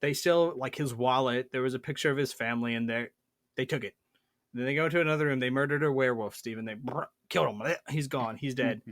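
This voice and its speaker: A man's voice: medium pitch, fast, fairly bright tone, no room sound, studio quality. A man hosting a tabletop gaming podcast, telling a story in a playful, boastful way. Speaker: podcast host. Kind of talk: casual chat.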